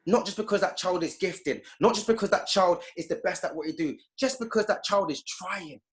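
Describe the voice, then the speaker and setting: A man's voice: high-pitched, fairly quick. Impassioned man preaching to parents. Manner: emphatic, preachy, acts out quoted voices. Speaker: guest speaker, youth activist. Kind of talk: impassioned interview talk.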